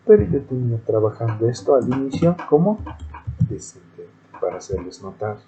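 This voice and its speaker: A man's voice: medium pitch, very animated, moderate pace, dark tone, lo-fi sound. A male teacher giving a screen-recorded programming lesson, explaining methodically step by step.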